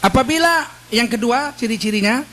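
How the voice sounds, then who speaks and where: A man's voice: very high-pitched, lively intonation, normal speed, sharp tone, poor audio. A middle-aged man preaching in a mosque, telling stories with acted quotes and sound effects. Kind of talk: mosque sermon with storytelling.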